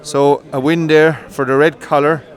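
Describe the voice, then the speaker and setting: A man giving live commentary on greyhound coursing from an outdoor field, brisk and rising with excitement during the runs. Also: fairly high pitch. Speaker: race commentator.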